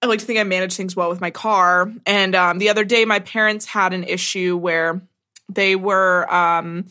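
A woman's voice: on the low side, fairly even intonation, moderate pace, sharp tone. A young woman co-hosting a podcast, telling a rambling, self-deprecating story in casual chat and swearing freely. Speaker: podcast co-host.

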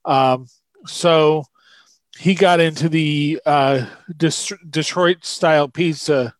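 A man giving a casual interview as a guest food writer, halting as he searches for words, his speech thick and slurred from a swollen tongue. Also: fairly high pitch, no echo, low-quality recording.

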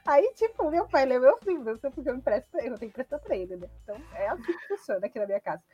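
Animated, fast-talking Brazilian woman. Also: sits high, slightly rough, lo-fi sound. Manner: animated, rambling, blunt opinions. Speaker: podcast co-host. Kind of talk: casual chat. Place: home.

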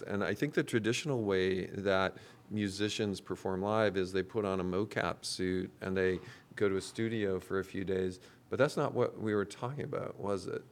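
A man hosting a conversational panel discussion, talking in a measured, thoughtful way and posing questions to his guests. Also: low voice. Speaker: host and company executive.

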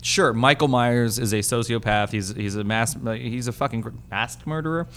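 A man co-hosting a podcast in casual chat, animated and swearing freely as he tells stories. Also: mid-range voice, normal speed, a little hiss or hum. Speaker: podcast co-host.

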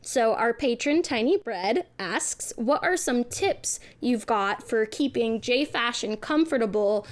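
A woman's voice: fairly high pitch, expressive, a little slow, few pauses. A woman hosting a podcast, musing aloud with "um" and "like" as she reads out listener questions. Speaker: podcast host. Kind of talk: casual interview chat.

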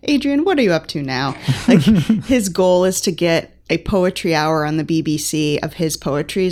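A young woman with a slightly low voice talks casually about books on a podcast. She is chatty and playful, and laughs often. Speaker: podcast co-host reviewing books. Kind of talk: casual book chat.

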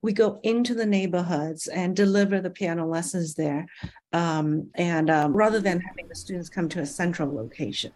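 Soft-laughing middle-aged woman from Malaysia. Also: lowish voice, moderate pace, slight background noise. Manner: thoughtful, with frequent fillers and light laughs. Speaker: guest, nonprofit founder. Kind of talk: conversational interview.

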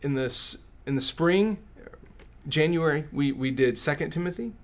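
A man with a West Texas accent and twang, chatting casually as a pastor and co-host in a halting way that repeats words. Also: a little high, animated. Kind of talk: casual conversation.

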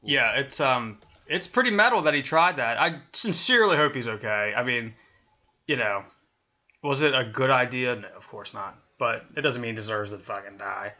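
A man's voice: mid-range voice, normal speed, pushed and bright, dull audio. A man co-hosting a podcast, chatting casually, laughing often and swearing freely. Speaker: podcast co-host. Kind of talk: casual chat.

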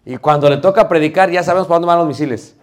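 A man's voice: a little high, racing. A man teaching a homiletics class, joking with his listeners and calling them brothers. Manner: lively, playful, addresses listeners as brothers. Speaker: preaching instructor.

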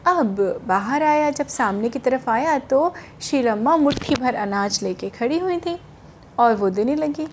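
A woman storyteller narrating a folk tale for children in a high voice. She talks in a chatty way and often turns to address the children directly. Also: lively intonation, unhurried, a little hiss or hum.

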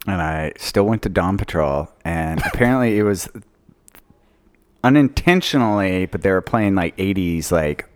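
Male podcast co-host, rambling and laughing, pitch swinging widely in casual chat. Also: expressive, normal speed, slight background noise.

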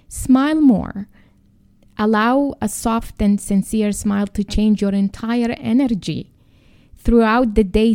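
A woman gently guiding a calm mindfulness and grounding exercise as a podcast host and coach, with a halting, instructive delivery. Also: medium pitch.

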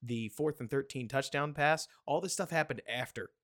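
A man's voice: mid-range voice, normal speed, fairly bright tone. A man co-hosting a casual sports podcast, musing about the game in a loose, conversational way. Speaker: podcast co-host.

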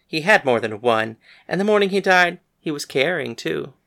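A woman's voice: deep voice, expressive, normal speed, creaky, fairly bright tone, heavily acted. A woman voicing a bold, frank young gunslinging woman in an audiobook, speaking in a blunt, matter-of-fact way. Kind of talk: audiobook character voice.

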